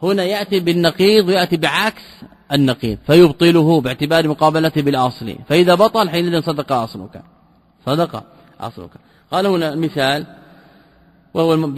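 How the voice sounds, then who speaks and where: A man teaching a lesson, reading a classical text passage by passage and explaining it, asking rhetorical questions and repeating key terms slowly. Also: on the high side, big-room sound. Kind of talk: line-by-line commentary lesson.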